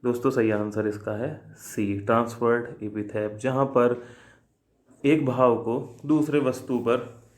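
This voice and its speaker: A man teaching an exam-prep lesson, reading English questions slowly and then explaining them in a chatty way. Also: mid-range voice, fairly even intonation. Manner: addresses viewers as friends, reads English questions slowly then explains in Hindi.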